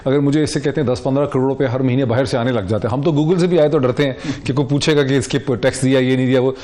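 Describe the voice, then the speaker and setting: A man's voice: mid-range voice, steady tone, mellow. A man hosting a TV current-affairs show, putting probing, challenging questions to a guest. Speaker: talk-show host.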